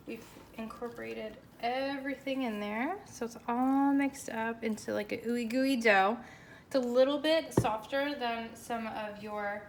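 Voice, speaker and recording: An American woman with a fairly high voice hosts a chatty, informal cooking demonstration. She sounds chirpy and enthusiastic. The room is clearly echoey, with faint noise behind her. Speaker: host of a home baking show. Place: indoors, home kitchen.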